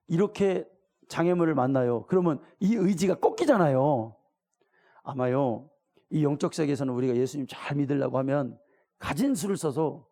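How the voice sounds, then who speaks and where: A middle-aged man preaches as pastor in a colloquial way, asking his congregation questions and performing the voices of the story's people. The voice is on the high side, creaky and warm.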